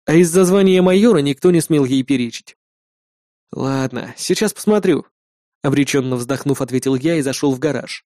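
An audiobook narrator reading first-person prose with lively dry humor. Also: mid-range voice, quick pace, dry recording.

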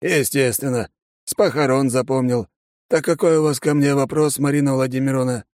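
A man voicing a blunt, commanding older army colonel with a gravelly, barking delivery. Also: medium pitch, steady tone, moderate pace, a little mellow, no room sound, studio quality, pitched above the performer's own voice, lightly acted. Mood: polite.

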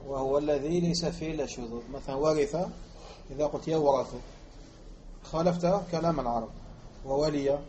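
Algerian-born sheikh teaching grammar, higher voice. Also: male voice, dark tone, a little hiss or hum. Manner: repeats example words slowly and quizzes listeners. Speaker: Islamic scholar teaching Arabic morphology. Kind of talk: classroom lecture explaining grammar. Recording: muffled lo-fi recording.

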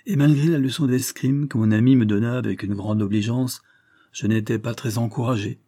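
A man narrating a classic novel in a measured, even first-person reading. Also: medium pitch, husky, no echo, studio quality. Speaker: audiobook narrator. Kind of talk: scripted storybook narration.

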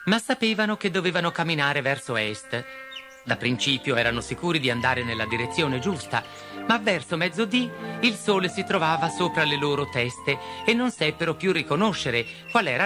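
A male storyteller reads a fairy tale aloud with lively, swooping intonation. His tone is bright and crisp, a little high, and faint music plays underneath. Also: normal speed. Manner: expressive, switching to character voices. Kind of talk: storybook narration.

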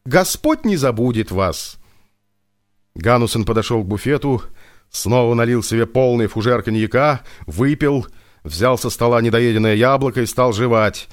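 A man reading a story aloud in a measured, even manner. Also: mid-range voice, clean tone, dry recording. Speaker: narrator. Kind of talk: audiobook narration. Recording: dry close audiobook with faint music.

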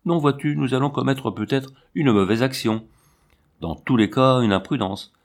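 A man's voice: mid-range voice, moderate pace, natural voice. A man voicing a weary older woman who is tender but held back by scruples, speaking with sighs. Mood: regretful. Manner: sighing, torn by scruples.

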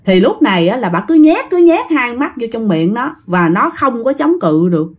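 A woman's voice: a little high, sing-song, moderate pace. A woman with a Southern Vietnamese accent telling a ghost story in a chatty way, often speaking to her listeners directly.

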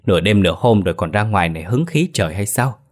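A man's voice: on the low side, big pitch swings, fast talker. A man voicing an elderly wife who fusses over her husband, in an audio ghost story. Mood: worried. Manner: fussing, worried.

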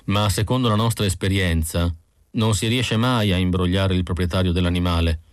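Male reader as a composed professional man, lowish voice, dry close sound. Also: moderate pace, smooth, no echo, natural voice. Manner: calm, businesslike. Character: smooth professional male clinic worker, composed. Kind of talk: audiobook character voice.

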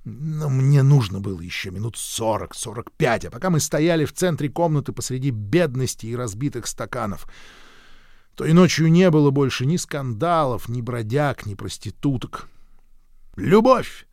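A man reading a first-person literary story aloud in a measured, gruff manner, close to the mic. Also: mid-range voice, lively intonation, darkish tone, no echo. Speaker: audiobook narrator.

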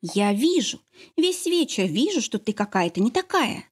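A woman's voice: a little high, big pitch swings, normal speed, husky, voice pushed up. A woman voicing a worried, loving middle-aged mother in an audiobook, speaking in a fussing, soothing way. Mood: anxious. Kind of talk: audiobook character reading.

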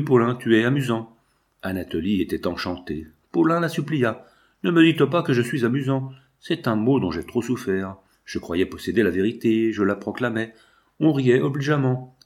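A man's voice: on the low side, darkish tone. Man reading a novel aloud. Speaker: narrator.

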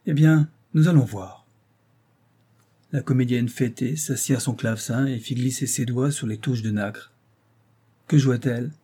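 A man reading a story aloud in a measured, unhurried narration. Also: medium pitch, warm tone, husky. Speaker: audiobook reader.

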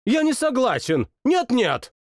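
A bratty young monarch with a shrill, whiny voice that leaps all over the place, performed by a man. He sulks, bosses and shouts at everyone around him. The audiobook sound is close and dry. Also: wildly swooping pitch, measured pace, no echo, heavily acted. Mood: capricious. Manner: shouts orders and sulks capriciously. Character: petulant, boastful young male king, childish tyrant. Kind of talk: audiobook character voice.

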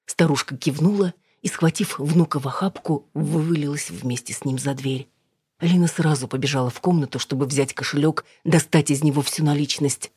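An audiobook reader narrating a novel in a steady, even storytelling manner. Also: mid-range voice, brisk, husky, dry recording, clean studio sound.

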